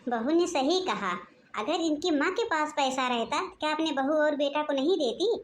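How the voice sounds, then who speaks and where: Woman voicing an impatient young husband, cartoon, curt and scolding, high voice. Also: moderate pace, a little hiss or hum, close to an everyday voice. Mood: grumbling. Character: short-tempered young husband, suspicious son-in-law.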